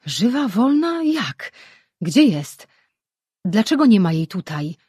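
A woman voicing an anxious, urgent male sorcerer in an audiobook, reading in a husky voice. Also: on the low side, moderate pace, darkish tone, no room sound, studio quality, lightly acted. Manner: urgent, questioning.

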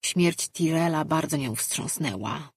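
A woman reading a fantasy audiobook as narrator, in steady, measured storytelling. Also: low voice, slightly rough, dry recording, clean studio sound. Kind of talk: scripted narration.

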